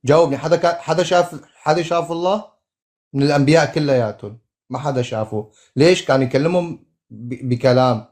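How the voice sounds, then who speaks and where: A man arguing his side in a religious debate, halting and stammering as he searches for words. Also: fairly high pitch, darkish tone. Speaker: debate opponent.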